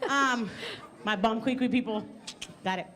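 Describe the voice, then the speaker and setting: A woman's voice: fairly high pitch, measured pace, fairly bright tone. Breathless, bubbly woman emcee. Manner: playful, joking, rallying the audience. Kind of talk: lively stage emceeing. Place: stage at a temple festival program.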